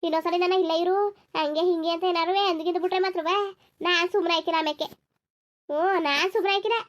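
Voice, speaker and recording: A woman voicing a fiery young village bride in a cartoon, scolding in rapid-fire retorts with a rural Karnataka Kannada accent. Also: very high-pitched, fairly even intonation, dull audio. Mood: angry defiant. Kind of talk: cartoon voice acting.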